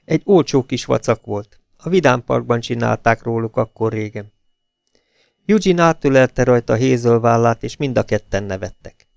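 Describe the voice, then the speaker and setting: A man reads a novel aloud in a steady, even narration. His voice has a gravelly edge, and the recording is close and dry with no room sound. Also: medium pitch, dry recording. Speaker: audiobook reader. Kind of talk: audiobook narration.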